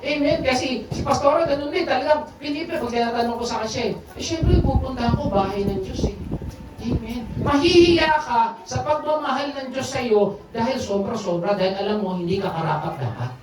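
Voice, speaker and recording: A woman's voice: fairly high pitch, fairly quick, a crowd in the background. A Filipino woman preaching a sermon to a congregation, often asking for an amen. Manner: lively call-and-response preaching, asks "Amen?" often. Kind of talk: Tagalog sermon. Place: church service, large echoey room. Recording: echoey church hall, far from mic, noisy.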